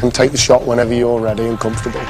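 A man of ordinary pitch coaching a novice at an outdoor range, calm and matter-of-fact with steady encouragement. Music sits clearly behind his voice. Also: very fast. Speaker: shooting instructor. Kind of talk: giving instructions.

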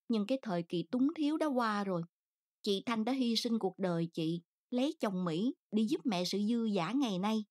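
A woman's voice: mid-range voice, darkish tone, close to an everyday voice. Storybook daughter, young woman, earnest and pleading, read by a female narrator.

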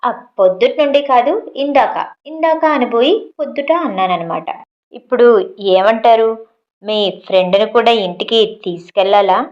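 A woman's voice: fairly high pitch, moderate pace, lightly acted. A woman voicing a teasing young man who talks in a sarcastic, bantering way. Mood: flustered. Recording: dull lo-fi audio.

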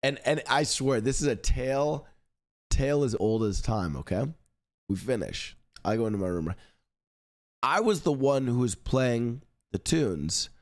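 A young man tells a story in loose, casual chat. He swears freely and jumps into his friends' voices, and his voice sits at a middle pitch. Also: animated, unhurried. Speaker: streamer.

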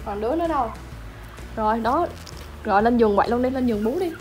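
Woman, higher voice, chatty and doting home vlogger, music bed behind. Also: expressive, quick pace, darkish tone. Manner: doting, chatty, talks baby talk to puppies. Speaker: pet vlogger. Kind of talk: casual vlog narration.

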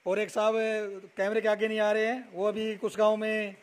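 A young man from Haryana, India, touring a buffalo shed at night and chatting as a dairy vlogger. He repeats numbers and names back and fills pauses with "a". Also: high voice, flat delivery. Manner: repeats figures and names back, many "a" fillers. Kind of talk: casual walk-around video with interview.

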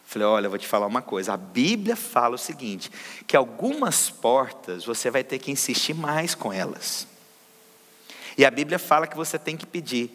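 A man's voice: medium pitch, sing-song, normal speed, fairly bright tone, big-room sound. A man preaching a sermon as pastor, asking the congregation questions and answering them himself. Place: church service.

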